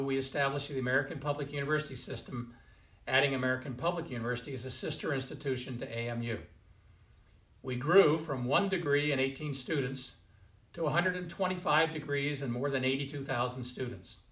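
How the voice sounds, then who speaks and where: A man in his sixties, a university president giving a formal commencement address from a home study, in a measured, stately delivery. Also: mid-range voice, bright, forceful tone. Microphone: fixed camera, chest-up framing. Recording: roomy indoor echo.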